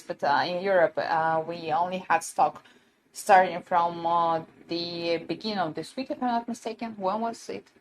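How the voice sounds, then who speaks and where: Woman, casual live-stream pitch, giggly, chatty, learned later, mid pitch, light hiss. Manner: chatty, giggly, many fillers and restarts. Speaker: livestream seller.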